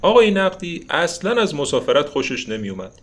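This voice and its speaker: A man's voice: a little high, sing-song, a bit bright. A man narrating a children's story expressively, with asides to the listeners.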